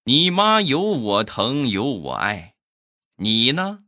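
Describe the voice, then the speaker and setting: An unbothered father played by a man delivers a slow, deadpan put-down in a comic home story. His voice is bright and lively, and the recording is dry and close. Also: mid-range voice, dry recording, voice pushed up, exaggerated voice.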